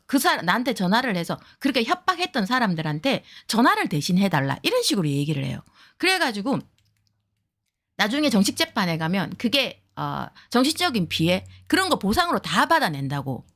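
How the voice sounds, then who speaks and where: A woman's voice: mid-range voice, a bit bright. A woman talking heatedly to her viewers in a blunt, profane way, acting out the people she quotes. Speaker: streamer giving advice to viewers. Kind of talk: heated casual talk to viewers.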